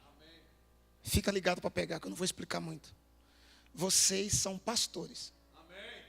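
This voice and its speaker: A man with a Brazilian Portuguese accent preaching an emphatic Pentecostal sermon, shouting and acting out quoted voices. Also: high-pitched, steady tone, normal speed, creaky, slightly rough, soft background music. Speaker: pastor. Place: large church hall. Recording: church hall reverb.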